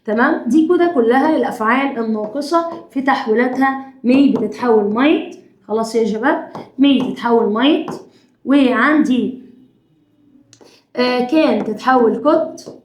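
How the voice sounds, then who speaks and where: A high-pitched woman with an Egyptian accent teaches a grammar lesson. She dictates word by word and keeps checking whether her students are following. Her voice rings around an echoey room. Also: unhurried. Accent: Egyptian Arabic. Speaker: English teacher.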